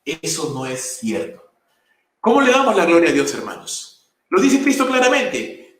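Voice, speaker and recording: A male pastor delivers a sermon in an emphatic preaching style, piling up lists. His voice sits high for a man. He is heard from some distance in a church that rings with heavy echo. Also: a bit bright. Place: church sanctuary. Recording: very echoey room, voice from a distance.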